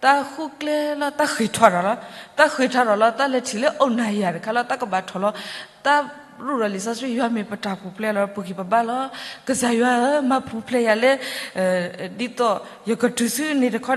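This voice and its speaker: A woman's voice: fairly high pitch, brisk. Woman preaching in a reverberant church. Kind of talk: sermon.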